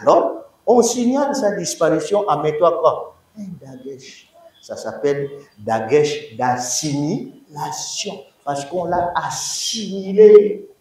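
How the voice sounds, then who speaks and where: A man's voice: a little high, very animated, takes it slowly, a little mellow. A man lecturing at university, emphatic, repeating words and quizzing his students. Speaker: Hebrew teacher. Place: large echoey classroom. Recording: echoey room, distant mic.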